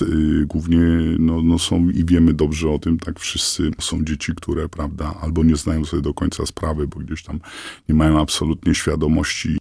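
A man with an electronically disguised voice, answering a radio interviewer haltingly with many fillers and restarts. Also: creaky, dark tone, slightly rough, dry recording, clean studio sound. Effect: voice disguised, pitched down. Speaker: anonymous father interviewed on radio.

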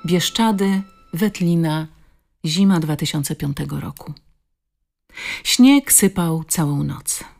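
A woman narrating an audiobook in a measured, steady storytelling manner. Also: on the low side, vocal fry. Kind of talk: scripted narration.

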